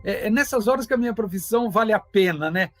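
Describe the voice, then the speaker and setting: A Brazilian man, a psychanalyst, telling stories in a relaxed interview over a video call and acting out quoted dialogue. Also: high-pitched, fast talker, faint music behind. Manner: animated, acts out quoted dialogue. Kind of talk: conversational interview storytelling.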